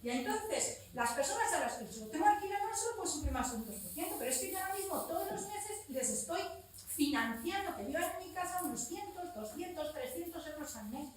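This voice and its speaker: A blunt Spanish woman in her forties, swearing casually and restarting a lot, delivers a fiery, spontaneous comment from the audience at a public event. Her voice is extremely high and sing-song, and she speaks fairly quickly. The sound is distant and echoey, with a little hiss or hum.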